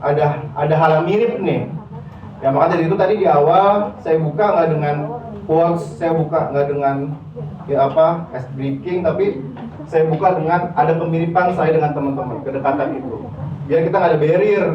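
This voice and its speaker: A man's voice: a little high, moderate pace, noisy background. A man giving a casual public speaking workshop, talking straight to his students and dropping English terms into his speech. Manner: chatty, addresses audience directly, mixes in English terms. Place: university classroom. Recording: echoey room, distant mic, dull lo-fi sound.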